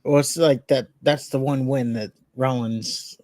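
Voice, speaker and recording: A man's voice: mid-range voice, fairly even intonation, a little slow, darkish tone, no room sound. Opinionated male podcast co-host. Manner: argumentative, explains with sports comparisons. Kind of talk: casual chat.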